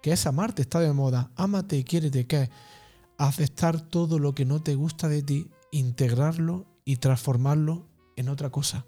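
Man, slow measured teaching tone, mellow voice, slightly raised pitch, faint music behind. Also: steady tone. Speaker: guest on emotions. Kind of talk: calm reflective explanation.

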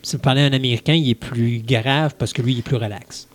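A man's voice: mid-range voice, fairly even intonation, quick pace. A man, a curious co-host who asks questions and jokes in a casual chat.

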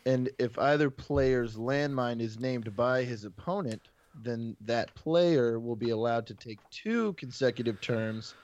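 A man hosting a casual movie trivia game, reading out the rules at a measured pace. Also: mid-range voice, darkish tone. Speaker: game show host. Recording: dull lo-fi sound.

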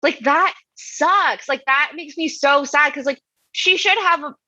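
A woman co-hosts a podcast in casual chat, hesitant and filling her sentences with fillers and restarts. Her voice is high and sharp, unhurried, with no echo, and the recording is dull and dry.

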